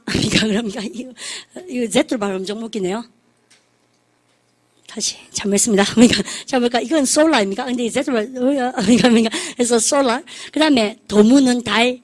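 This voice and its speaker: Chatty woman teaching English. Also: fairly high pitch. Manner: chatty, drills students with call-and-response, laughs at own jokes. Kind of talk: lively classroom lecture.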